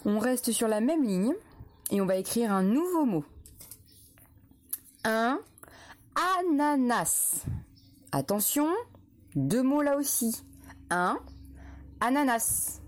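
Slow teacher spelling out dictation. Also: female voice, a little high, big pitch swings, a little mellow. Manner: slow, syllable by syllable, spelling out letters. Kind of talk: dictation lesson for young children.

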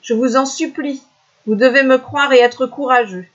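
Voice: high-pitched, fairly even intonation, moderate pace, voice pushed up. A storyteller voicing a young male hunter who pleads urgently with his village, in a raised voice, on a dull lo-fi recording. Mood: pleading. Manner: urgent, imploring.

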